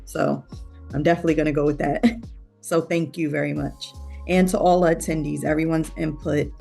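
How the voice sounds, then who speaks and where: A study group attendee thanking the tutor over a video call, speaking hesitantly with frequent pauses. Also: mid-range voice, vocal fry, a little mellow. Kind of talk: casual thank-you remarks.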